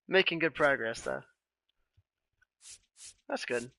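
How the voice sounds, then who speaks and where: Gravelly bright-voiced male streamer. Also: fairly high pitch. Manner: relaxed, rambling, with many fillers and trailing questions. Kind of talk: casual live-stream chat with viewers.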